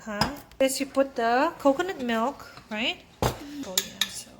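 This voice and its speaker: A mother from the Philippines who hosts a channel chats casually in her home kitchen about cooking, prompting her son with step-by-step questions. Her voice is high-pitched with lively intonation, and she speaks at a slow pace. The kitchen recording is noisy, with clicks.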